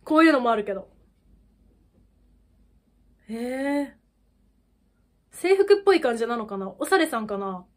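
A woman hosting a reaction video, reacting with excited exclamations and then talking through her thoughts casually. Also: on the high side, a little slow, pauses often.

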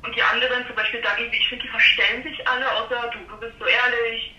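A woman's voice: a little high, little pitch movement, quick pace, pushed and bright. A woman fan chatting casually and gushingly over the phone, heard on a distant line. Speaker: fan caller. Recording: distant echoey phone line with faint hiss.

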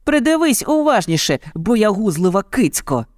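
A man's voice: very high voice, lively intonation, measured pace, dry recording, studio quality, pitched above the performer's own voice. A man voicing a brave young boy raised by wolves in a storybook reading, calling out boldly. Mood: defiant. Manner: bold, shouting, tearful pleading. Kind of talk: storybook narration.

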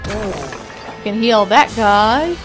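Over game music, a young let's-play gamer chats through her gameplay, talking to the characters and letting out mild exclamations. Her medium-pitched voice is sing-song and extremely slow, and it sounds slightly off because of allergies.

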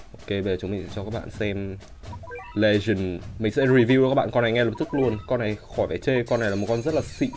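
A man hosting a gaming channel, chatting casually through his game pulls and bursting into loud, shouting surprise at good results. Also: fairly low pitch.

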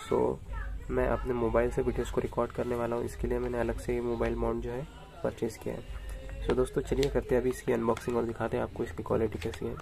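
Flat, gravelly man explaining an unboxing. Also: mid-range voice, quick pace. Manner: steady explanatory, frequent address to viewers. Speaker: unboxing vlogger. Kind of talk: casual unboxing tutorial. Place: indoors at home, camera over tabletop.

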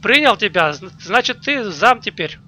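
A man playing a military game as company commander, giving halting, commanding radio orders over voice chat. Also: high-pitched, big pitch swings, pushed and bright, slight background noise.

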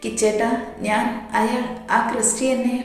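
A woman reading the lines of a frightened, tearful young woman in an audio story, soft and pleading. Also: a little high, little pitch movement, normal speed, lightly acted. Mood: scared. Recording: echoey reverberant room.

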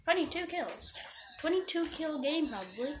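A woman giving casual, excitable commentary over her own shooter gameplay, mocking herself and bursting into shouts. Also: sits high, moderate pace, background noise. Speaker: gaming video creator.

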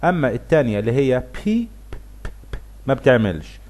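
A middle-aged man with an Egyptian Arabic accent, teaching English pronunciation and drawing out example words slowly. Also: medium pitch. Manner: lively, stretches words slowly to demonstrate sounds. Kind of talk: explaining pronunciation to viewers.

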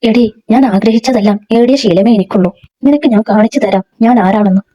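A woman's voice: fairly high pitch, brisk, warm tone, natural voice. A woman reading a sneering, menacing young man. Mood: threatening. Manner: sneering, threatening. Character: arrogant menacing young man harassing a coworker. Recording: dull lo-fi recording.

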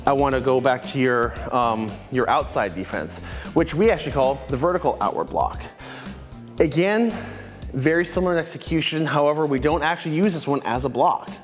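A man's voice: medium pitch, lively intonation, fairly quick, big-room sound, soft background music. A man in his thirties, a martial arts instructor, methodically explaining and comparing blocking techniques. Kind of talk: instructional commentary. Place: martial arts dojo, indoors. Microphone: lapel mic, medium camera shot.

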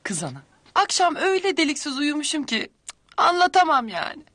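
A woman's voice: sits high, big pitch swings, a little fast, fairly bright tone, dry recording. A young woman playing a sly, playful daughter in a television sitcom, theatrical and exclamatory. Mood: feigned innocence. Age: young adult.

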